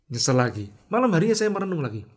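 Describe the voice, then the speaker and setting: A middle-aged man telling a personal story about leadership in a casual monologue, acting out his own angry shouts and then dropping to a quiet, reflective tone. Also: on the high side, sing-song, normal speed. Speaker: speaker sharing leadership lessons.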